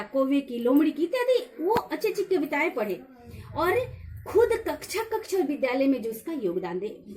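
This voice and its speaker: A high-voiced woman lecturer whose pitch swings widely as she explains. Her tone is mellow rather than bright. She talks through a revision lesson patiently and slowly repeats key phrases, with fillers between points. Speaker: college lecturer.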